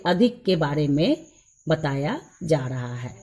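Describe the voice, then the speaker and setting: A woman schoolteacher giving a grammar lesson to young children, slowly repeating each rule and example and speaking fondly to her pupils. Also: low voice, big pitch swings, dark tone. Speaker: school teacher.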